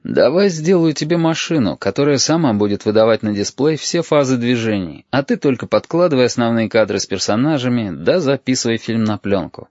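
A man's voice: mid-range voice, animated, a little fast, few pauses, darkish tone, no echo, highs cut off, lightly acted. A man reading a storybook and voicing his grown friend, an eager electronics tinkerer. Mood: persuasive. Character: enthusiastic adult man, an electronics wizard friend.

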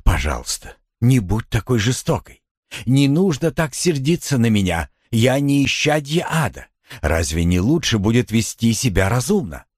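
A man's voice: medium pitch, very animated, moderate pace, dry recording, clean studio sound. A man doing a coaxing middle-aged husband. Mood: conciliatory. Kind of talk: audiobook character voice.

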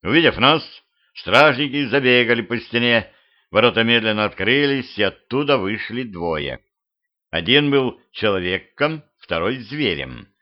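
A man narrating a humorous horror audiobook in the first person, with a steady, measured reading. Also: lowish voice. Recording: muffled lo-fi home recording.

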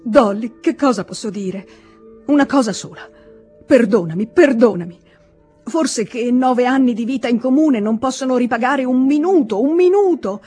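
A woman reader voicing a guilty husband who pleads in a trembling, timid voice, with a husky tone. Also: fairly high pitch, expressive, normal speed, darkish tone, soft background music, voice pushed up. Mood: pleading.

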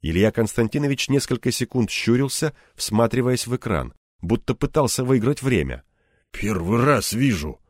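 An expressive male narrator reads a scripted audiobook passage at a moderate pace in a mid-range voice. The sound is dry and clean, as if from a studio.

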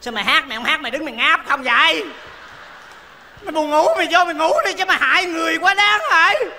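A penniless male folk-opera actor who teases and scolds his partner, speaking. His voice is very high and very bright. The sound echoes through a large hall on a stage recording. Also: fast, slight background noise, full character voice. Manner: teasing, exasperated, loud and playful. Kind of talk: stage comedy sketch.

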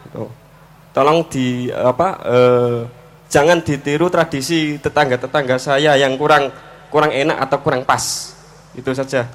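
A man giving a casual, joking speech to an audience, slow and halting with frequent fillers. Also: medium pitch, steady tone. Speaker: speaker at a forum.

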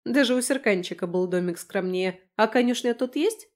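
A woman's voice: on the high side, lively intonation, normal speed, darkish tone, voice pushed up, close to an everyday voice. A woman voicing a brash, sarcastic, chatty young woman in an audiobook, teasing and mocking. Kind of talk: audiobook character voice.

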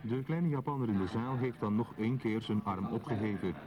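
With a crowd murmuring behind him, a man with a lowish voice narrates a radio drama briskly in a formal, scripted documentary style, sounding lightly acted. The audio is dull, and his manner is that of someone reporting.

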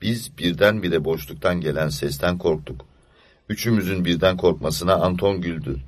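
A man with a fairly low voice narrates a story in a calm, measured way. The recording is dry and close, with no room sound at all. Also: no echo. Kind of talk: audiobook story reading.

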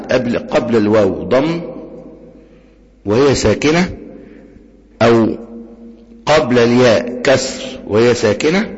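A man with an Egyptian accent teaching Quran recitation rules, patiently asking the class questions, answering them himself and chanting examples slowly. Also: mid-range voice, husky. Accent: Egyptian Arabic. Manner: demonstrates recitation with slow drawn-out chanting. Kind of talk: tajweed lesson. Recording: dull lo-fi recording with long reverb.

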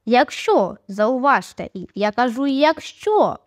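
A woman voicing a lively, curious young girl who exclaims and teases her brother. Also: sits high, normal speed, no echo, clean studio sound. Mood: musing. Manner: eager, exclaiming, teasing.

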